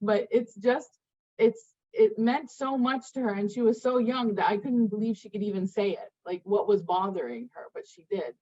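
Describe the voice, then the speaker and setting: A middle-aged woman presenting in an online session, telling a personal story in a lively, expressive way. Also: mid-range voice, moderate pace. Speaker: presenter, parent. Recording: muffled lo-fi audio.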